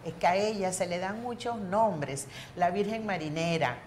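A woman's voice: on the low side, moderate pace, darkish tone, a little hiss or hum. Effusive Venezuelan woman hosting TV. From eastern Venezuela. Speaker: TV host. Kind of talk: studio interview. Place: TV studio.

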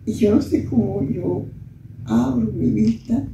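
An older woman recounts a personal story, her words halting and soft and full of diminutives. Her mellow, dark voice is heard from a distance in an echoey room. Faint noise sits behind her. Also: mid-range voice. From Peru. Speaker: interviewee. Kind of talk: emotional personal testimony.

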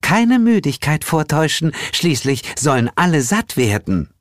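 A man voicing a cheerful, motherly female spring goddess with a soft, velvety voice in an audiobook. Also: a little high, big pitch swings, normal speed, no echo, clean studio sound, pitched above the performer's own voice. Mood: sweet cheerful. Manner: bubbly and motherly. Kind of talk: audiobook character voice.

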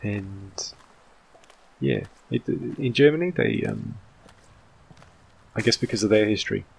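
A man from England in his thirties talks over a game in casual, rambling commentary, with a British accent worn partly American. His voice sits low and carries a gravelly fry. He fills his pauses with plenty of "um"s. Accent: British English mixed with American. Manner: rambling and chatty, with many "um" fillers. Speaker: gaming channel host. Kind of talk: casual let's-play commentary.

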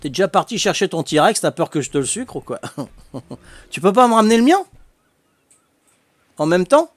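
Older guy streaming a game, jokey and chatty, kinda high voice, laughs a lot. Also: very animated, normal speed, no echo. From Corsica. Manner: jovial, laughs often, chatty filler "hein". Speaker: livestreaming gamer. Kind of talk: casual livestream chat with viewers.

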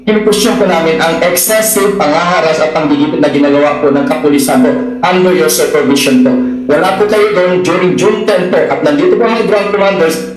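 Man, church minister, impassioned formal testimony, deferential yet pressing, high voice, echoing hearing room, faint music. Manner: very deferential, "po" and "Your Honor" at every turn, pressing questions. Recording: very echoey hall with faint music.

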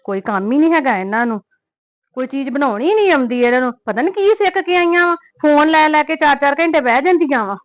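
Actress as a grumbling, scolding woman, high voice, dry sound. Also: animated, quick pace, no echo.

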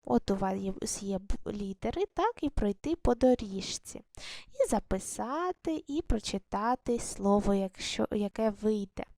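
A woman's voice: mid-range voice, lively intonation, unhurried, mellow, dry recording. A woman teacher giving a recorded video lesson, patiently guiding young pupils through handwriting step by step with frequent praise. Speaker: primary school teacher.

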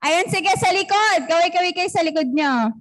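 A woman with a Filipino accent leading a youth fellowship warm-up, playful, coaxing the crowd and calling out cheers. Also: extremely high pitch, moderate pace.

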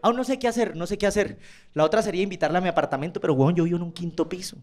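A man's voice: high voice, racing, darkish tone. A man with a Colombian accent performing a stand-up comedy routine, telling crude stories with quoted voices. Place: comedy club stage.

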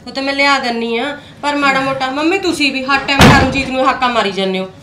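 An actress playing a resentful, scheming elder daughter-in-law who grumbles and snaps back. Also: female voice, high voice, fast talker, very noisy, natural voice. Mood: sulky. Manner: grumbling, sulky, sharp-tongued. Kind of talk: amateur village short-film acting.

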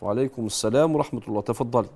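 A middle-aged man with an Egyptian accent who hosts a show and gently corrects callers' Quran recitation, demonstrating words slowly. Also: medium pitch. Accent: Egyptian Arabic. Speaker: Quran recitation teacher and host.

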